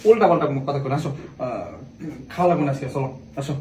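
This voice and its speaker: A man's voice: a little high, expressive, quick pace, a little mellow, close to an everyday voice. A man acting a wheedling, shifty village husband in a drama, with a rural Bangladeshi accent. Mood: defensive. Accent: Bangladeshi rural dialect. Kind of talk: amateur short-film drama dialogue. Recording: echoey, distant, noisy room recording.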